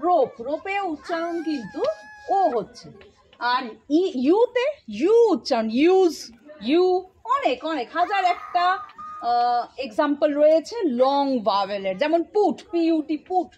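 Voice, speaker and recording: A woman's voice: sits high, sing-song, measured pace, darkish tone. A woman teacher patiently explaining vowel sounds step by step with examples. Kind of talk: classroom phonics lesson.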